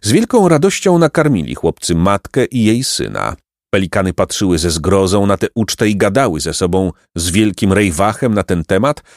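A man narrating an audiobook with expressive storytelling. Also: low-pitched, normal speed, no room sound, studio quality.

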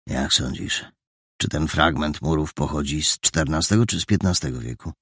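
Guy doing a curious young dude asking stuff, husky. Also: extremely low pitch, moderate pace, a bit bright, no room sound, studio quality, heavily acted. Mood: questioning. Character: curious young man sketching ruins.

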